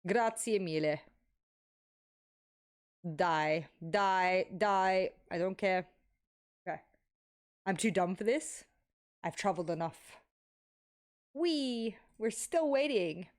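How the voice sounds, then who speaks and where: A young woman, streaming live and commentating as she plays, excitable and swearing freely. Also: medium pitch, takes it slowly, long pauses. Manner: excitable, swears a lot, talks to herself while playing.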